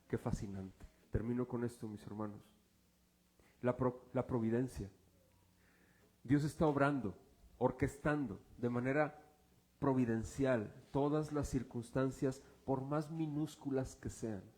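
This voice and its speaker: A man preaching a sermon in church, swinging from loud exclamations to hushed low passages. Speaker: pastor.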